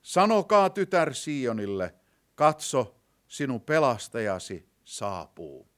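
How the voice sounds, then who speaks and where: A man preaching a sermon to a live congregation, asking them rhetorical questions and slowing down to read scripture quotes, swinging from loud declaiming to hushed low passages. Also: big pitch swings, smooth.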